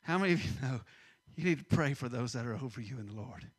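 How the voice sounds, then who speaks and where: A middle-aged man preaching a sermon, swinging between loud emphasis and hushed asides. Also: mid-range voice, lively intonation, fast talker, slightly rough. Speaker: pastor.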